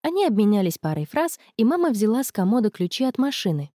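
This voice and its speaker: Expressive woman reading an audiobook. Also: on the high side, quick pace, dry recording, studio quality. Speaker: narrator.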